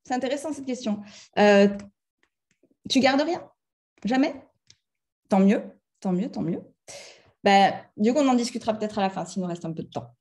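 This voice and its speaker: A middle-aged French woman giving a lively talk on emotions to a live audience. She speaks to them directly and acts out little scenes in other voices. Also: medium pitch, moderate pace, long pauses. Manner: chatty, addresses the audience directly. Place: conference room with a live audience.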